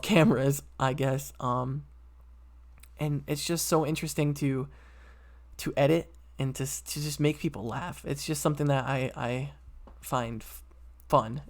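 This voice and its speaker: A young man in his late teens talks casually into his computer mic, hosting his own solo podcast. His voice is gravelly with a fry at the ends of phrases, sitting at an ordinary middle pitch. He rambles loosely, full of ums, uhs and restarts. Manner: rambling, many fillers and restarts. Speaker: podcast host.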